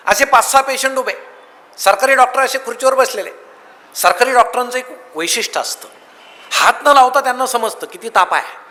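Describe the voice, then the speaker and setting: Male motivational speaker with a sharp, bright tone, full of lively storytelling, recorded in a big reverberant hall. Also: very high voice. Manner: lively storytelling with comic anecdotes. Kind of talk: humorous public speech.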